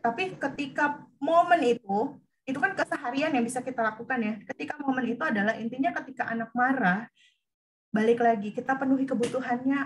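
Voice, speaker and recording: A woman's voice: high voice, brisk, low-quality recording. A woman giving a parenting lesson over a video call. She explains things patiently and often checks in with her listeners. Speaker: parenting speaker.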